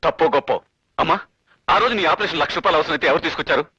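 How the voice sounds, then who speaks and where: A defiant corrupt cop. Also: male voice, on the high side, rapid-fire, bright, forceful tone, slightly rough, no echo. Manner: defiant, justifying. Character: corrupt, defiant police officer son. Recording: dull, dry film audio with music.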